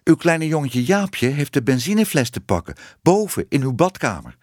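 Man doing a timid young cat-woman for a storybook, hesitant, lively reading. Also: on the high side, moderate pace, no room sound, clean studio sound, voice pushed up. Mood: shy. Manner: shy, hesitant. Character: shy young woman who is secretly a cat.

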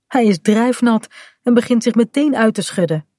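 A woman narrating a children's storybook in a clear, even storytelling manner. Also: a little high, moderate pace, no room sound, studio quality.

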